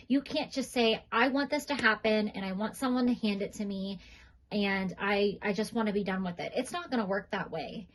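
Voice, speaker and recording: A woman giving a tarot reading in a gentle, reassuring way, pausing now and then with fillers. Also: mid-range voice, slight background noise, rough recording. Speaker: tarot reader.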